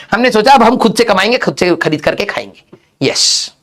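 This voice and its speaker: A man teaching a class breaks off into a funny childhood story, his high voice leaping up and down. He tells it in an animated way and keeps asking his students a quick "okay?" as he goes. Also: heavy background noise.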